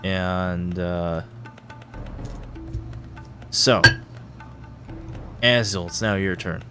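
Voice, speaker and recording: Lowish-voiced male game master. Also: drawn-out words. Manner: excitable, gasps at big rolls. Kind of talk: narrating a tabletop game. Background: background music.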